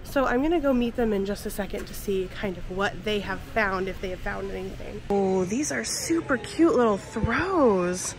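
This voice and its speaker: A woman vlogger with a congested voice, gushing excitedly as she shops through busy stores on camera. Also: medium pitch, normal speed, hardly any pauses. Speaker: shopping vlogger host. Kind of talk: casual shopping vlog. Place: busy stores on a shopping day. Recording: crowd and store noise behind.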